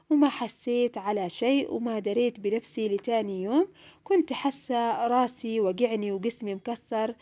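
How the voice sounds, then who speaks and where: A woman's voice: a little high, dark tone. A young woman narrating her own painful story in the first person, in an emotional, plaintive way. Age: young adult.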